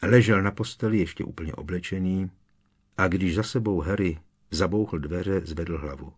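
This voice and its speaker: A man narrating a fantasy audiobook in a measured storytelling manner. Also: sits low, a little mellow, breathy edge. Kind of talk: scripted narration.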